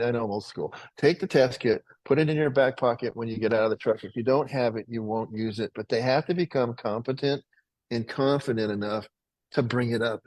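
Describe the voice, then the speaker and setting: Rambling, folksy man pitching on a webinar. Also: darkish tone, dry recording, low-quality recording. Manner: folksy, rambling, self-correcting. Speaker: water filtration company founder.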